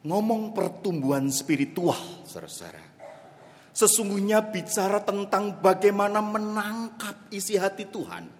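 Lively high-voiced preacher in a reverberant hall. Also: male voice, a little slow. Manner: dramatic storyteller, swings between loud calls and hushed asides. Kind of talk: sermon with a humorous story. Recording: long reverb of a large hall.

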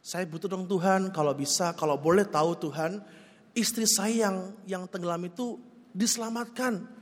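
A man's voice: high-pitched, normal speed. A preacher voicing a shipwrecked man who pleads to God and then smugly defends himself, in a whiny, indignant tone, with long church reverb. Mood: pleading.

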